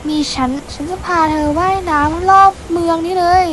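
A woman's voice: very high-pitched, fairly even intonation, moderate pace, a bit bright, a little hiss or hum. A female performer voicing a friendly young mermaid princess who acts as a protective guide, eager and reassuring, in amateur story role-play.

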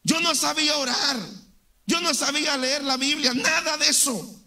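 Very high-voiced man testifying. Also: fairly even intonation, moderate pace, sharp tone. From Mexico. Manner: fervent, keeps calling the listener "brother". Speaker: church member giving testimony. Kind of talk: emotional church testimony.

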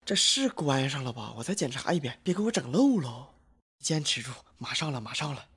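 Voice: mid-range voice, sing-song, fairly quick, fairly bright tone, breathy edge, exaggerated voice. An actor voicing an anxious student muttering nervously to himself in a comic cartoon skit. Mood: anxious relief. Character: anxious student double-checking his laptop is off.

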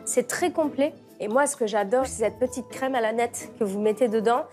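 A woman judging a bakery on a TV food show, praising the pastries and bread with warm appraisal inside the shop. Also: on the high side, normal speed, soft background music. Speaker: bakery judge. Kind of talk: food tasting commentary.

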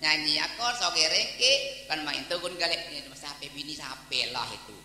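A man's voice: on the high side, a little fast, a little hiss or hum. A man preaching a humorous sermon in a Palembang Malay accent, telling stories and acting out dialogue. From Palembang, Indonesia. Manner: lively storytelling, mimics dialogue, breaks into song snippets. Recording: echoey hall with long reverb.

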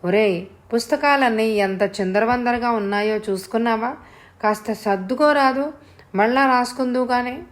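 A woman voicing a scolding middle-aged village aunt with a sharp way of talking. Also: on the high side, animated, measured pace, long pauses, voice pushed up.

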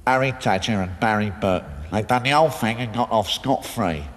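An actor playing a curt anonymous male informant, a getaway driver, whose voice is disguised to sound deeper and unlike himself. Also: brisk, big-room sound. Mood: blunt. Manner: curt, blunt short answers. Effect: electronically disguised deep voice.

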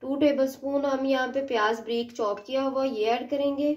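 A woman hosting a cooking channel, calmly explaining each step of a recipe in a voice-over while she cooks at home. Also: high-pitched, moderate pace, dull audio. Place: home kitchen.

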